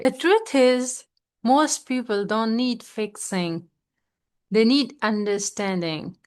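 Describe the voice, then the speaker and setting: A woman speaks at an unhurried, slow pace. Her pitch sits in the middle range for a woman. She comes across as a reflective host, moving between personal chat and reading aloud. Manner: code-switches between English and Urdu-Hindi.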